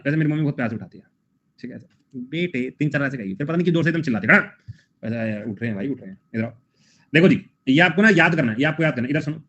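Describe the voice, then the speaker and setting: A young man leads a relaxed online class, chatting and joking with his students between quiz questions. His voice sits a little high. The sound is muffled and lo-fi. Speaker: teacher. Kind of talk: live online class, casual Hindi teaching. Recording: dull lo-fi sound.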